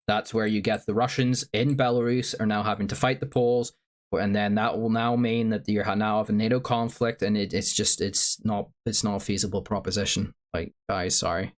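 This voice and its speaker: Low-voiced man with a sore throat. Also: fairly even intonation, a little fast. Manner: rambling, filler-heavy, reads viewer chat. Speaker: stream host. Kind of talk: casual livestream commentary.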